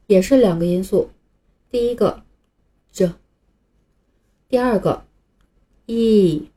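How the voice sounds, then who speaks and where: Patient woman teaching in a dark voice. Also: medium pitch. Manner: patient, clear explanations with drawn-out example sounds. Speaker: English teacher. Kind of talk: recorded lesson for beginners.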